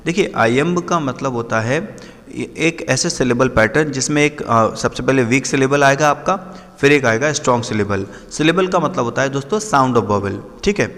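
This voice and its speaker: A man explaining literary terms for exam preparation, slowing right down to read English definitions and checking in often with his students. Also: medium pitch, a bit bright, big-room sound. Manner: repetitive, checks in often with the listener. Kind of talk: explanatory lesson.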